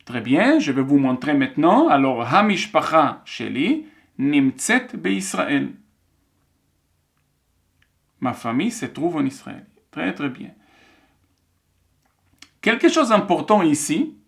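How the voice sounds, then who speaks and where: Male language teacher, patient and methodical, slightly higher voice. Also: big pitch swings. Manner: patient, slow, explains step by step. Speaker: Hebrew teacher. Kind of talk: online language lesson, dictation.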